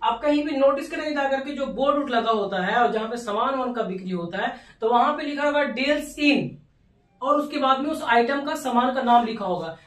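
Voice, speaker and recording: Woman, English grammar lesson in Hindi, high voice, spells words and repeats verb forms, rhetorical check-in questions, echoey room, off-mic. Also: far from the mic. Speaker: English teacher.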